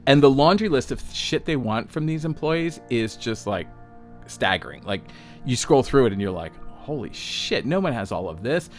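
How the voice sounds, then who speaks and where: With faint music underneath, a podcast host in his sixties, a self-employed designer, talks off the cuff at a moderate pace, his mid-range voice lively in intonation. He swears freely, speaks bluntly, pokes fun at himself and keeps checking in with the listener, peppering his talk with "um" and "all right?"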